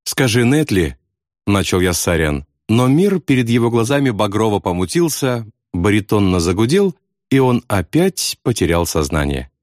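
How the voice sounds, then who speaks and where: A man reading a novel aloud with dramatic, expressive narration. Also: lowish voice, moderate pace, dry recording, studio quality. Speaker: audiobook narrator. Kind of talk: scripted narration.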